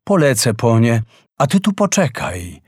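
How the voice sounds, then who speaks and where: A man voicing a wise, gentle female frigate bird in a storybook reading, speaking earnestly and slowly. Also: mid-range voice, big pitch swings, breathy edge, dry recording, clean studio sound.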